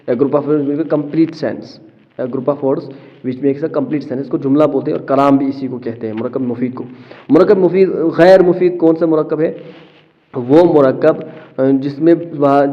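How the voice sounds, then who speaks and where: A man teaching a lesson, explaining step by step, asking questions and answering them himself, often pausing with fillers. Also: on the high side, dull audio. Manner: asks rhetorical questions then answers them; checks in with listeners, hesitant fillers. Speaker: Arabic grammar teacher.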